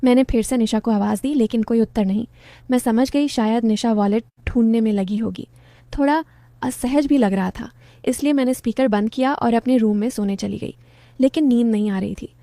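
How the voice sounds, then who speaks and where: A woman narrating a romantic family story in the first person, calm and even. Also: on the high side, fairly quick, no echo, studio quality.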